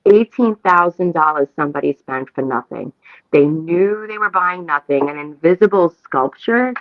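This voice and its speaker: On narrow, tinny, dry-recorded audio, a Staten Island, New York talk show co-host speaks at a moderate pace in a lowish, expressive voice. Her animated chat is opinionated, emphatic, repetitive and casually profane.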